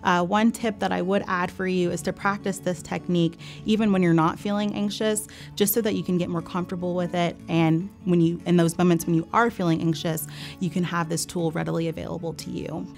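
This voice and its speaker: A woman therapist calmly and gently explaining a calming exercise in an instructional way. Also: on the low side, fairly quick, vocal fry. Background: background music.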